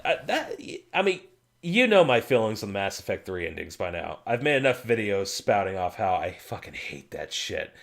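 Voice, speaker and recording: A man co-hosting a casual gaming podcast, excitable, swearing freely and laughing often. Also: lowish voice, normal speed, gravelly. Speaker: podcast co-host.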